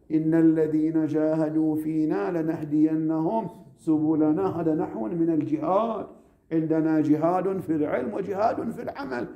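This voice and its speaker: A man, a cleric lecturing seminary students, emphatic and repetitive, slowing down to stress his points and asking rhetorical questions. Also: high-pitched, mellow. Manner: slows down to stress key phrases.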